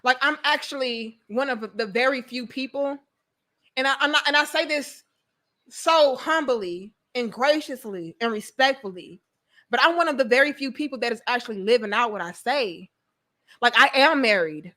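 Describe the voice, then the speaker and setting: A woman's voice: on the high side, lively intonation, normal speed, pushed and bright. A young woman with a St. Louis accent talking informally and bluntly to livestream viewers, emphatic and repetitive, with casual swearing. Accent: St. Louis, Missouri. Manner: blunt, emphatic, repeats phrases, swears freely. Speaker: livestream host giving relationship commentary.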